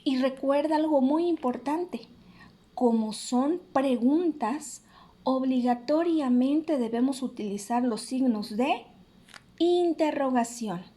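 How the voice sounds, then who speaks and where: A woman teacher with a Mexican Spanish accent, explaining a lesson to young pupils in a slow, patient and clear way, checking in with questions. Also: sits high, warm tone.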